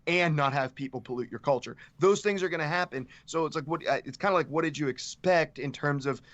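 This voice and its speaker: A man's voice: on the high side, fast talker, fairly bright tone, no echo. A man co-hosting a casual podcast discussion, talking earnestly and speeding up as he makes his points. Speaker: podcast co-host.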